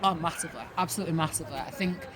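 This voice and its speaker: A woman's voice: deep voice, rapid-fire, crowd noise. A woman giving an informal, chatty and emphatic post-match interview as a football coach, outdoors in the wind. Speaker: football team manager and coach. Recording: windy outdoor recording with clear noise.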